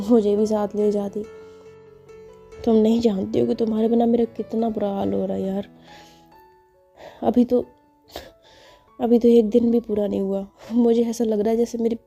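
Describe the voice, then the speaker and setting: A woman storyteller voicing a young woman who pines for her absent wife, pleading softly and stammering when caught out. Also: a little high, flat delivery, moderate pace, long pauses, soft background music. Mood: longing.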